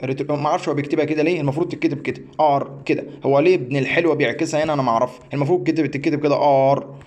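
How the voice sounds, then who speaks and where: Rapid-fire and fairly even in intonation, his voice sits on the high side with a slightly mellow quality. The man, an astrology teacher with an Egyptian Arabic accent, takes viewers through a website in a screen-share tutorial, rambling repetitively and often faltering and beginning again.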